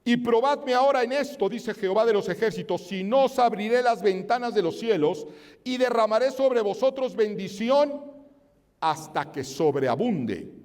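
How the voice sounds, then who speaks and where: A man preaching a sermon, swinging between loud emphatic rises and low, quiet drops. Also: animated, normal speed, big-room sound. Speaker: pastor. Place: church hall.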